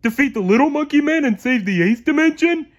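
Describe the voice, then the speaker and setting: A man voicing a dim, excitable male starfish in a storybook read-aloud, with a high, shouty, whining put-on voice. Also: a little fast. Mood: whiny excited.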